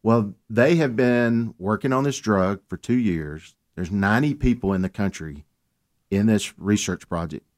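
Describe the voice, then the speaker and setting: Earnest man with a lowish voice. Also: unhurried. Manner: earnest, animated storytelling. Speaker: guest. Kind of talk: casual radio chat.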